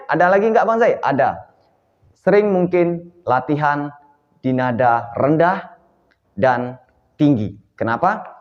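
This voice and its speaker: A man's voice: medium pitch, a little mellow, in a large hall. Guy teaching singing, voice jumps up and down a lot, sounds kinda dull and muffled. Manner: checks in often with "ya kan?" and sings short demo notes. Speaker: vocal coach. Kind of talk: vocal lesson to camera.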